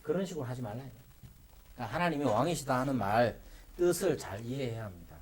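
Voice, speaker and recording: A man's voice: mid-range voice, animated, fast. A man, a pastor, teaching a Bible study class in a church classroom, asking rhetorical questions and acting out playful mock prayers.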